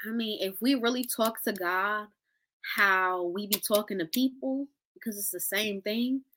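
A woman hosting a live show in a casual, slangy, playful way, chatting with viewers and leading a short prayer. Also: mid-range voice. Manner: lively, slangy, playful and laughing. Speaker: host of a live interview show. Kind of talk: casual livestream chat with prayer.

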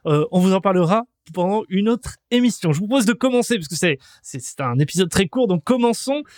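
A man's voice: high voice, animated, a little fast, darkish tone, no echo, clean studio sound. A man hosting a casual podcast chat, joking and announcing the topics. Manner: jokey, leads the show, announces topics. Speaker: podcast host.

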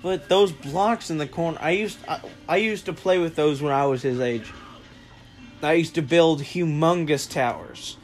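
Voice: mid-range voice, moderate pace, faint music behind. A host commenting casually over a film in a chatty, rambling way, often stumbling and restarting. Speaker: reaction video host.

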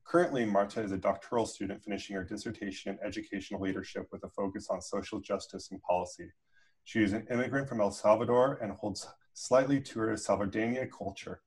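A man with a fairly low voice hosts an interview program. He introduces his guest and asks his questions thoughtfully, with some hesitant fillers along the way. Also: rough recording. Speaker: host. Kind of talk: podcast interview.

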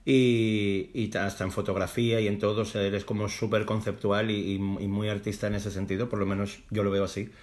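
A man's voice: lowish voice, little pitch movement, brisk, few pauses, a little mellow. A young man hosting a podcast, chatting playfully and with enthusiasm. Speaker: podcast host. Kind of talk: casual podcast interview.

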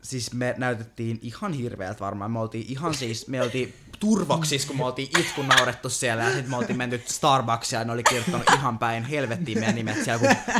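A young man co-hosting a podcast, telling stories in a lively casual way and laughing often. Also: mid-range voice, few pauses, over a noisy crowd. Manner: animated storytelling, laughing often. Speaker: podcast co-host. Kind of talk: casual chat. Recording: noisy background.

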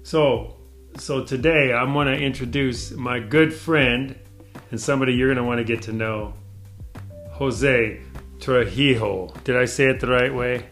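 A man's voice: medium pitch, a little slow, a bit bright, soft background music. Enthusiastic man hosting an interview. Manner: enthusiastic, encouraging, talks straight to the audience. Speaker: podcast host. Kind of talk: motivational interview intro.

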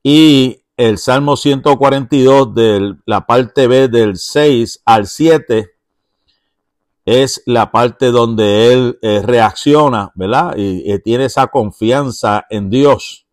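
Man, Bible study teacher, slow delivery, mid pitch, checks in with listeners, dry sound. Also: no echo. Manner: unhurried, checks in with listeners through tag questions; blesses those present by name.

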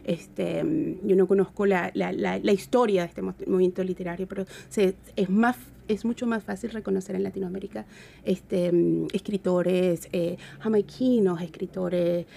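Gravelly Caribbean Venezuelan woman, reflective. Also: medium pitch, steady tone, warm tone, a little hiss or hum. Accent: Venezuelan Caribbean Spanish. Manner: halting, searching for words. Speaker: interview guest. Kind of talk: reflective conversational interview talk.

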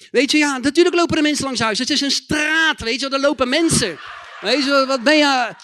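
A man preaching a testimony sermon in slangy, emphatic talk, repeating his phrases and building to loud proclaiming. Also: very high-pitched.

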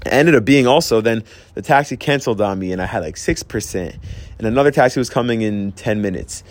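A man's voice: fairly low pitch, expressive, fairly quick. A young man talking earnestly about handling emotions, telling personal stories with frequent restarts. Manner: earnest, storytelling, with restarts and "I'm like". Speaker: host sharing personal advice. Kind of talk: reflective personal talk.

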